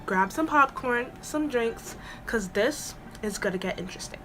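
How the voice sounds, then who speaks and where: A woman's voice: fairly high pitch, lively intonation, normal speed, pushed and bright, slight background noise. A woman vlogger telling a storytime at home, chatty and rambling with lots of "like"s and restarts. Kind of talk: storytime vlog. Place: at home with an air purifier running.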